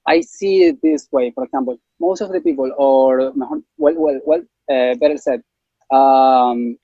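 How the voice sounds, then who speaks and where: A man's voice: on the high side, gravelly, mellow, breathy edge, no echo, dull audio. A man from Ecuador with a Spanish accent, speaking casually as an interview guest with many fillers and restarts.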